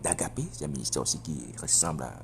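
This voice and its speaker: A man preaching, telling his own testimony in a halting way, repeating phrases and often turning to his listeners with a question. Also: a bass voice, slight background noise. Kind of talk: spoken personal testimony. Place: living in Europe.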